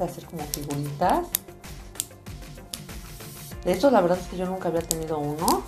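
A woman hosting a casual toy unboxing for young viewers, chatting in an expressive, excitable way full of exclamations. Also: fairly low pitch. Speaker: host of a toy unboxing channel. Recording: music playing behind, packaging crinkles. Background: music, crumpling and crinkling of packaging.

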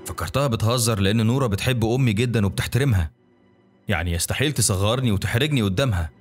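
Fast-talking Egyptian male storyteller. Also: fairly low pitch, soft background music. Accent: Egyptian Arabic. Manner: rapid, colloquial, conversational. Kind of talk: dramatic first-person story narration.

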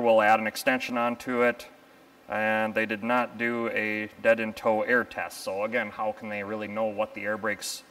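On the low side and a bit bright, this man's voice comes through poor audio from a lapel mic in a machine shop. In his thirties and a locomotive mechanic, he explains repairs casually and technically, often saying um and uh.

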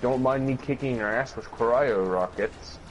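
Slow, easygoing male streamer. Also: medium pitch, slight background noise. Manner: relaxed, jokey, drawn-out muttering. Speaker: streamer playing a game. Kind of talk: casual gameplay chat.

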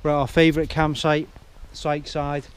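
A man's voice: a little high, completely flat delivery, moderate pace, clear, resonant tone. Chatty man vlogging outdoors. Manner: chatty and jokey, narrating the trip. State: a little out of breath. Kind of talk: casual outdoor vlog chat. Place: outdoors at a campsite and on a hill walk.

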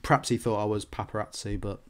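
A man's voice: level tone, fast talker, crowd noise. Chatty man telling stories. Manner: chatty storyteller, laughs, puts on squeaky voices when quoting. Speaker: podcast co-host. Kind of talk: casual chat.

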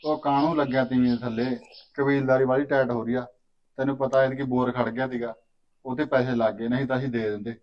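An actor playing an easygoing, placating farmer brother in a Punjabi village drama, speaking with a Punjabi accent. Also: male voice, medium pitch, level tone, quick pace, dull audio, natural voice.

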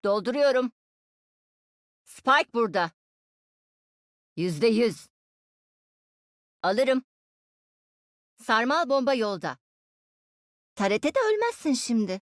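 A woman's voice: on the high side, big pitch swings, slow pace, long pauses, dry recording, studio quality. A woman voicing a cheeky, smug young female inventor and genius in dubbed game voice lines, teasing her teammates playfully. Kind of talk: Turkish game dub voice lines.

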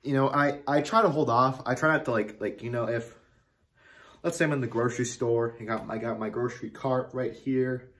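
A man giving a casual soda review to the camera, rambling and excitable, with lots of fillers and restarts. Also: mid-range voice, a little fast.

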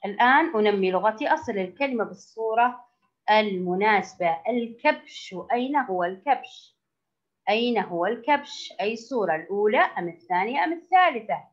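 A woman teaching a first-grade language lesson, asking the children questions, praising their answers and drawing out key words slowly. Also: mid-range voice, expressive. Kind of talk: recorded classroom lesson for young children. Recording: dull lo-fi recording.

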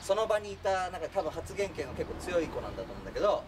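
A man's voice: sits high, big pitch swings, racing. A man telling a funny true story in a casual way, acting out the voices of the people in it and laughing as he goes. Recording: distant mic with clear background noise.

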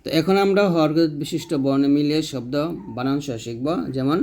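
Man teaching letter sounds slowly. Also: on the high side, darkish tone. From Bangladesh. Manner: slow drawn-out letter drills between brisk explanations. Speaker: Quran reading teacher. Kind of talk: recorded tutorial lesson.

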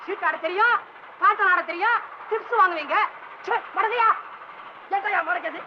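A mocking, pompous train passenger. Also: male voice, extremely high pitch, moderate pace. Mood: scolding. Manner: mocking, scolding fellow passengers, mixes in English. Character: pompous ticketless young man on a train. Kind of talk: 1960s film comedy acting. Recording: dull old film soundtrack with hiss.

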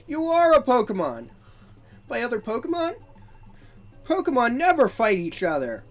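A small, friendly female game creature, put on by a gamer reading aloud, pipes up high and excitable. The delivery is bright and exclamatory, swooping over faint game music. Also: normal speed. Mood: shocked. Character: young, friendly, excitable little Pokemon companion, female.

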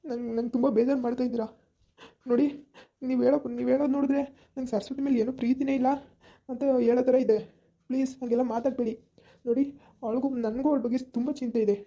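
A woman's voice: fairly high pitch, flat delivery, mellow. A woman playing a guilt-ridden young husband who is crying and stammers as he pleads, in an amateur village drama. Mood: tearful. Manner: halting, stammering pleas.

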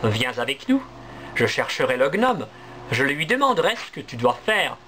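A man voicing a wise, calm lead goose who speaks steadily. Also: mid-range voice, normal speed, a little hiss or hum.

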